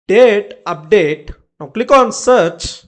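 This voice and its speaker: In a mid-range voice, slow yet animated, a presenter narrates a software tutorial step by step with short, clipped directions.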